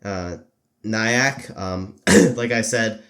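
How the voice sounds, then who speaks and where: A man with a stuffy voice from allergies hosting a casual solo podcast, rambling with lots of fillers, self-corrections and throat-clearing. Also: lowish voice, extremely slow, fairly bright tone. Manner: clears his throat often. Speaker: podcast host.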